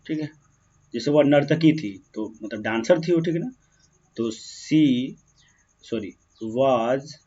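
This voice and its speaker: A man teaching a grammar lesson, slowing down as he writes words out and often checking that students follow. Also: fairly high pitch, a little mellow. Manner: keeps checking in with "ठीक है ना" and "clear है"; slow, drawn-out when writing words. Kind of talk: grammar lesson explaining on a board. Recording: dull, muffled lo-fi sound.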